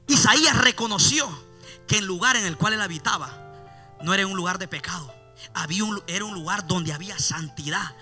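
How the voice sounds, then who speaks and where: A man preaching an impassioned evangelical sermon, repeating his refrains and swelling loud, then dropping low. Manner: impassioned, repeats "mi amado hermano".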